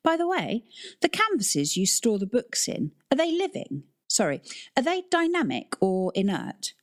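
Earnest, polite young woman, read by the narrator, slightly raised pitch. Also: huge pitch swings, a little slow.

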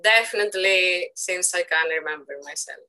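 A woman's voice: fairly low pitch, moderate pace, bright, forceful tone, low-quality recording. A woman in her thirties from Greece, speaking with a Greek accent as a guest in a casual interview, thoughtful and searching for words. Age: 30s. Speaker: guest artist.

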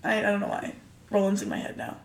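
A woman's voice: medium pitch, big pitch swings, fast talker, creaky. A woman in her twenties from a rock band, chatting casually and bluntly, swearing now and then. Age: 20s. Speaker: band member. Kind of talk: casual interview chat. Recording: crowd noise behind.

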